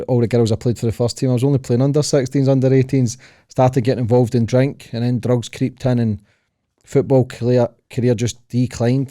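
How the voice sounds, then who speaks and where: A man's voice: mid-range voice, mellow, dry recording, clean studio sound. A man from Scotland with a Glaswegian accent, a podcast guest telling his life story in short clipped phrases with a cheeky manner. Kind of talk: casual interview chat.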